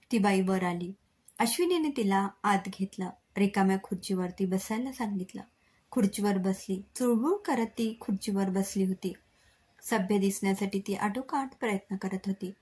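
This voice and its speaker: Woman storyteller, husky voice, dramatic reading, acts out the lines. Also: mid-range voice, a little mellow. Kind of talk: scripted story narration.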